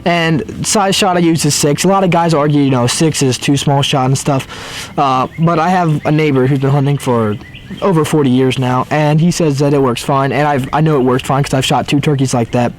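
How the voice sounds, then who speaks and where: A man's voice: on the high side, steady tone, moderate pace. A man casually explaining things to viewers as a hunting video host, recorded outdoors. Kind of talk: casual explanatory talk to camera.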